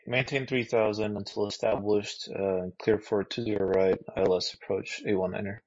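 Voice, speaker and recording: Gravelly pilot over the radio. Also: male voice, on the low side, steady tone, moderate pace, a little mellow, dry recording, muffled recording. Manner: terse, clipped readbacks. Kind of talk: aviation radio calls. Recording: band-limited radio transmission.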